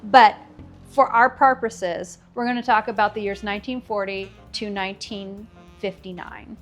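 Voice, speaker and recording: Soft music plays in the background as a woman in her fifties presents her commentary video from a script. Her voice is mid-range and steady at a moderate pace, and she jokes wryly and sarcastically, laughing in between.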